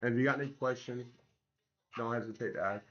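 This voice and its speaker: A man's voice: mid-range voice, fairly even intonation, fast talker, a bit bright, dull audio. A man chatting casually and slangily to livestream viewers as he works, his voice not fully back after tonsillitis, with a sore, swollen-throat sound. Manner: slangy, informal, addressing viewers directly. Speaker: livestream host building an app. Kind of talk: casual livestream chat while working.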